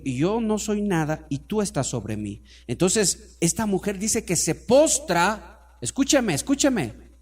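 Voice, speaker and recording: A man preaches to his congregation in a high, lively voice whose pitch rises and falls widely. He moves from hushed, slow asides to loud, pressing stretches and calls on the listeners to repeat words after him. It is a pastor's sermon in front of a church congregation. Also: slightly rough. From Ecuador.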